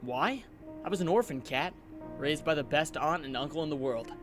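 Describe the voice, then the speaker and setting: A man's voice: a little high, expressive, moderate pace, music in the background, natural voice. A man voicing an earnest, self-doubting and wry young superhero in a comic book dub, with theatrical delivery. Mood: earnest storytelling.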